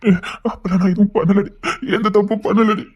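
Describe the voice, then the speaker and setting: A performer voicing a devoted young husband who swears loyalty to his crying wife and scolds others loudly, in a Tamil romance audio drama. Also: mid-range voice, steady tone, fairly quick, lo-fi sound, very noisy, close to an everyday voice. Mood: pleading, scolding.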